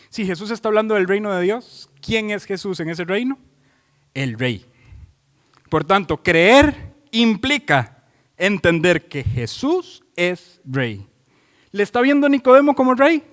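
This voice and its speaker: A man's voice: high-pitched, fairly bright tone, in a large hall. A man preaching an expository sermon, driving his points home with repeated phrases and questions put to the congregation. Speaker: pastor.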